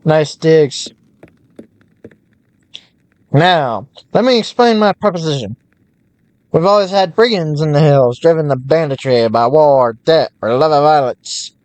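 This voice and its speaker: A secretive middle-aged town merchant who talks in a clipped, old-fashioned 1930s newsreel manner, as a man puts him on. The voice sits a touch high. It is close and dry, with no room sound at all. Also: expressive, a little slow, long pauses, a little mellow, no room sound. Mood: confiding.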